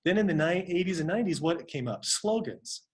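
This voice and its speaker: A man leads a team coaching session over a video call. His voice sits a little high for a man, and he speaks conversationally, acting out example exchanges as he teaches. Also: expressive, brisk. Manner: conversational, acts out sample dialogues. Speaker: network marketing team coach.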